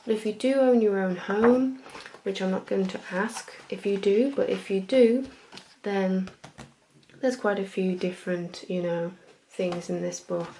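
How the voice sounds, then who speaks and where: A woman playing a friendly, chatty librarian in a soft-spoken, gentle and informal ASMR role-play. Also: mid-range voice, slight background noise, close to an everyday voice, low-quality recording. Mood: soft, helpful. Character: friendly, chatty female librarian recommending books.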